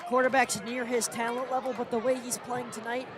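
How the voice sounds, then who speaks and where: Male play-by-play for live school football, very high-pitched, heavy crowd noise. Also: little pitch movement, a little fast. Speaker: play-by-play commentator. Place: outdoor football stadium. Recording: noisy outdoor stadium, loud crowd.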